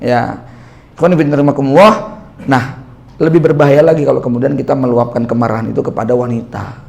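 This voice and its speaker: A man's voice: mid-range voice, fairly even intonation, quick pace, vocal fry, darkish tone. A man preaching in a chatty, conversational lecture style, throwing rhetorical questions at his listeners and acting out small bits of dialogue. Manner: acts out little quoted dialogues. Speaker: Islamic preacher.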